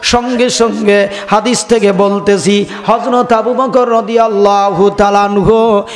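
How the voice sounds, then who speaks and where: A man's voice: high-pitched, flat delivery, unhurried. A man preaching a waz sermon, chanting in sing-song swells and calling his crowd to answer back. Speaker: Islamic preacher. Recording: echoey hall reverb, faint music.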